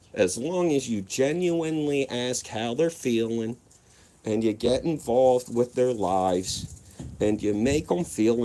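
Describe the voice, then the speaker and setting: A man's voice: mid-range voice, warm tone. A man telling rambling, profane stories in a laid-back, casual vlog monologue. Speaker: vlogger.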